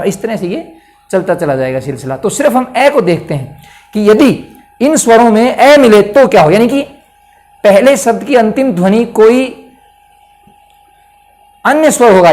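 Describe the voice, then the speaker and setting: A man's voice: high voice, darkish tone. A man teaching a grammar lesson for exam preparation, patiently explaining step by step and asking the listener questions as he goes.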